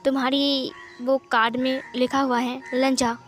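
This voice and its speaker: A woman voicing a gentle, wounded older man who speaks softly, reassuring and teasing. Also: high-pitched, flat delivery, measured pace, faint music behind. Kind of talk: Hindi fan-fiction reading.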